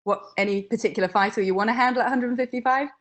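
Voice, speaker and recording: A woman's voice: on the high side, very fast. A woman working as a sports interviewer, asking questions in a post-fight interview.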